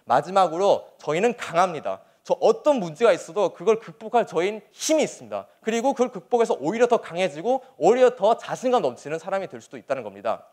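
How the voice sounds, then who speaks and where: A young man with a high voice delivers a motivational speech to an audience as a soldier. His pitch swings widely as he drives points home earnestly and emphatically, often posing rhetorical questions. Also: big pitch swings, fast, few pauses, darkish tone. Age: young adult.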